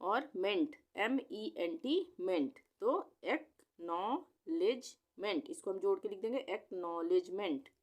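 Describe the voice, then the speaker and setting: A woman's voice: medium pitch, expressive, takes it slowly. A woman teacher patiently sounding out long words letter by letter in a spelling lesson.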